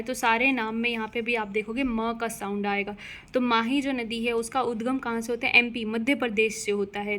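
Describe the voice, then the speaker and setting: A woman's voice: a little high, fairly bright tone. A woman teacher explaining memory tricks in an exam-prep lesson, patiently repeating key words.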